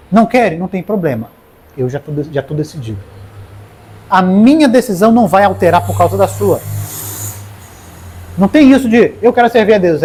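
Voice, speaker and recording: A man with a high-pitched, slightly rough voice and a Brazilian Portuguese accent preaches a sermon. He's animated, addressing members of the congregation directly by name.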